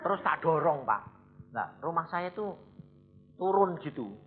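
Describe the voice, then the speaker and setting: A man preaching a sermon, telling a story with animated delivery, acting out the dialogue and chuckling as he goes. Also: fairly high pitch, a little slow, soft background music. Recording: dull lo-fi recording.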